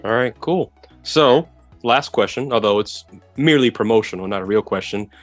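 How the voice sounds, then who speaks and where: A man's voice: on the low side, expressive, normal speed. A man hosting a casual podcast interview, asking questions and addressing his guests. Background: music.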